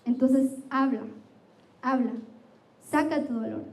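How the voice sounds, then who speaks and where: Una mujer joven que predica un sermón con tono sincero y se dirige a menudo a los oyentes preguntando "¿sí?". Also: female voice, sits high, slow, gravelly, a little mellow, low-quality recording. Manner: earnest, addresses listeners directly with frequent "¿sí?". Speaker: preacher. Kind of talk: sermon to a youth church.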